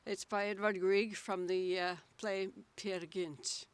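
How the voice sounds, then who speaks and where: A woman from Norway, giving quick, warm remarks at a ceremony. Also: medium pitch, little pitch movement, clean tone, dry recording. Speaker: guest singer.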